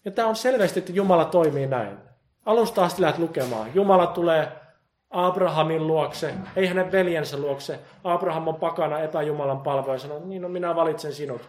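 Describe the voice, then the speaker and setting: A man preaching a sermon with passion, moving from loud emphasis to quiet, intense appeals and quoting God in the first person. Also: a little high.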